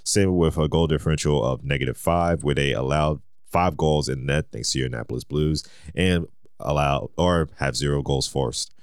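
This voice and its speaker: A man co-hosting a casual sports podcast, reading league standings in a steady listing way and laughing often. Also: rumbling low, smooth, no room sound, clean studio sound. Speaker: podcast co-host.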